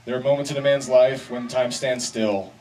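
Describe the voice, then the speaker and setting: A man's voice: medium pitch, fairly even intonation, normal speed, a little mellow. Man giving a wedding speech, distant noisy recording. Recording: distant mic, noisy live event ambience.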